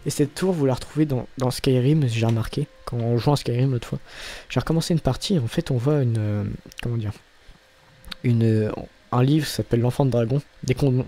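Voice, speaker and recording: A man's voice: mid-range voice, mellow. A young man giving casual, rambling commentary as he plays a video game, often swearing and cutting himself off. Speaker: gaming channel host. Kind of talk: casual let's-play commentary.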